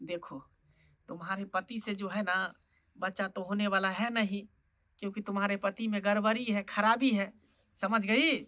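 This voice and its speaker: Woman doing a sleazy sly fake baba, keeps chuckling, bright sharp voice. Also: mid-range voice, steady tone, normal speed, natural voice. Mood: coaxing. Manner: sly, wheedling, chuckles often. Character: sleazy lecherous fake holy man, male, middle-aged. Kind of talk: comic sketch acting.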